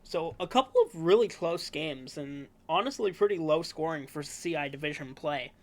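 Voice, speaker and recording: A man hosting a casual sports preview podcast, talking in a relaxed, rambling way with fillers and self-corrections. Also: a little high, moderate pace, a little hiss or hum. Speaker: podcast host.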